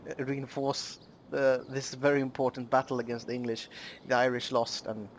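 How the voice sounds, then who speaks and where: A man hosting a let's play, giving casual, halting commentary on a strategy game with many pauses. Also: medium pitch, level tone, slight background noise. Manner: halting, many ums and uhs.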